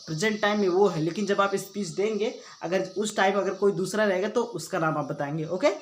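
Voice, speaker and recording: A man's voice: high-pitched, reverberant, slight background noise, poor audio. A man teaching a coaching-class lesson. He explains step by step, repeats himself and adds "okay" often. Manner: recites the model speech slowly and deliberately. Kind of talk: classroom lesson with a model speech.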